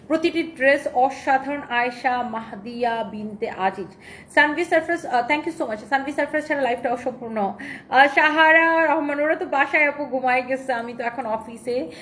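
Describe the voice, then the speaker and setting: A woman runs a live sales stream, holding up dresses, reading viewers' comments aloud and thanking them. Her voice sits high, and she mixes English phrases into her talk. The room echoes, with a faint noise underneath. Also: moderate pace, a bit bright. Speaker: online clothing seller.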